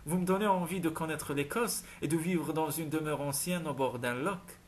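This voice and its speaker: A man reads as a romantic young noblewoman, soft and full of wonder, her voice lifted a little higher. She is a dreamy heroine in an audiobook romance. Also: normal speed, a little hiss or hum, lightly acted.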